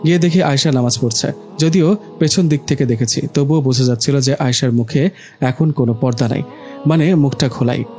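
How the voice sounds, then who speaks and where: A man narrating a romantic story in a calm, steady storytelling manner. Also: mid-range voice, fairly quick. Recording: narration over faint music.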